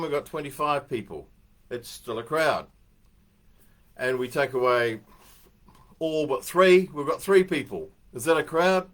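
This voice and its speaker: A man's voice: medium pitch, a bit bright. Older New man giving a rambling talk. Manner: rambling, anecdotal, with restarts and chuckles. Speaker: host. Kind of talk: casual spoken talk.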